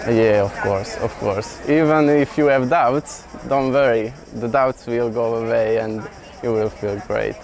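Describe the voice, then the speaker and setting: A young man from Slovakia answering interview questions outdoors, hesitant with many pauses, earnest. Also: medium pitch, steady tone, music in the background, low-quality recording. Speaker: festival pilgrim.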